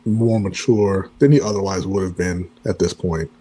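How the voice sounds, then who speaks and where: A man co-hosting a podcast, giving measured, thoughtful takes on basketball. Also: low voice, steady tone, dark tone, a little hiss or hum. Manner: measured, thoughtful, many fillers. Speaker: podcast co-host. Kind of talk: casual sports podcast chat.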